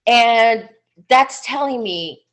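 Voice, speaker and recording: Slow-talking woman presenting a webinar. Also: fairly high pitch, animated. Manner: unhurried, chatty, frequent "um"s, warm enthusiasm. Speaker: psychic medium giving a webinar talk. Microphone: computer mic on a video call.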